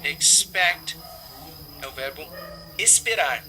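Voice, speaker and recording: A man's voice: fairly high pitch, expressive, takes it slowly, pushed and bright, poor audio. A man teaching English, explaining phrases and drilling pronunciation by repeating words.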